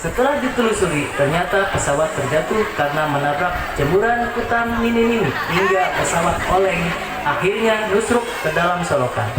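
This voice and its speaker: A man's voice: sits high, animated, moderate pace. A man reading comic parody news as a mock-serious announcer. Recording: noisy, echoey recording with loud crowd. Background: loud crowd and noise.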